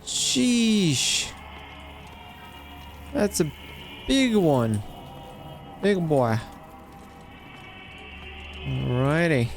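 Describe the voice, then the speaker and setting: A man's voice: mid-range voice, a little slow. A man casually commenting on a horror game as he plays, reacting aloud and reading on-screen text. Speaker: gameplay streamer. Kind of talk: casual let's-play commentary. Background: game music.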